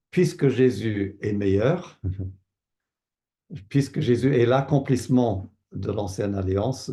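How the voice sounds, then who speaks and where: Answering interview questions slowly and carefully, an older Canadian man speaks in a low, gravelly, mellow voice. He sounds like a pastor and teacher, thoughtful but hesitant, often pausing, using many fillers and repeating words as he thinks.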